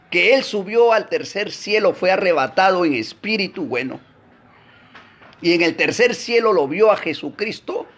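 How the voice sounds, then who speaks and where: A man leads a Bible class with emphatic preaching, asking his listeners rhetorical questions. He swings from loud exclamations to low asides.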